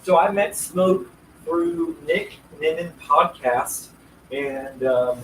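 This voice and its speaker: A man hosting a casual live stream, rambling through upbeat shout-outs to his viewers. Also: a little high, takes it slowly. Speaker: livestream host. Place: roadside station, partly outdoors. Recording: roomy, distant, noisy live stream.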